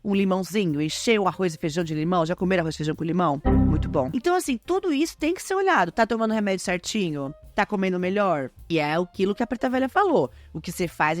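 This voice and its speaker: Chatty Brazilian woman hosting a podcast. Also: on the low side. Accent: Brazilian Portuguese. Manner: chatty, lively, addresses listeners as gente. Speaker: podcast host. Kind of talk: casual podcast monologue.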